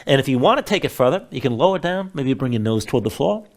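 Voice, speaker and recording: A man's voice: medium pitch, big pitch swings, fast talker. A man instructing a yoga class, giving step-by-step cues in a casual, informal way.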